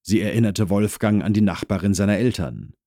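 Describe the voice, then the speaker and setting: A man narrating a comic audiobook in a wry, lively storytelling manner. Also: fairly low pitch, a little fast, no room sound, studio quality.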